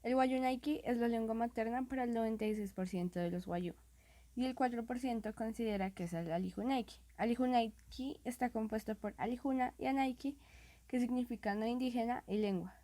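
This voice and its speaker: Woman reading facts in a mellow voice. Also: fairly high pitch, a little fast. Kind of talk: read narration.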